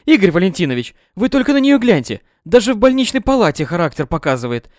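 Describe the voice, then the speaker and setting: Guy doing a shrill bossy mom, loud and theatrical, swings her voice all over, high and nagging. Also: big pitch swings, fast talker, dry recording, studio quality. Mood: shrill scolding. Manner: shrill, scolding, melodramatic. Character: loud domineering middle-aged mother, theatrical.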